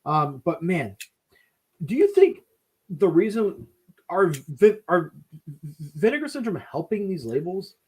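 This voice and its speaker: A man's voice: sits high, very animated, a little mellow, husky. A man co-hosting a casual chat, playful and joking. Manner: playful, joking, quick to laugh. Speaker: podcast co-host. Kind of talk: casual chat about film releases.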